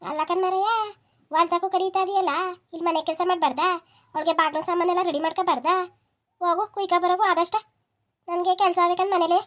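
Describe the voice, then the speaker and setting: A woman voicing a busy, sharp-tongued village housewife in a comedy cartoon, speaking in a scolding, sing-song way. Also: very high-pitched, fairly even intonation, fast. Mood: bossy.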